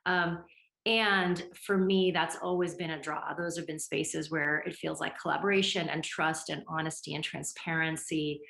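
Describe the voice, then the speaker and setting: A woman's voice: deep voice, fairly even intonation, moderate pace, creaky, a bit bright. A woman panelist speaking reflectively at a conference, thinking aloud and correcting herself as she goes. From born in Lebanon, moved as a young child. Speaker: panelist, activist and trauma specialist. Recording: echoey room.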